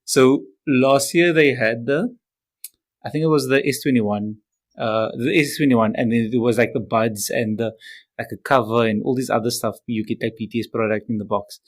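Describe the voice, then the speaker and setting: Rambling South African man, mid-pitch voice. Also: steady tone, normal speed. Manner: rambling, hesitant restarts, chuckling. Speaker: tech podcast co-host. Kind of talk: casual tech chat.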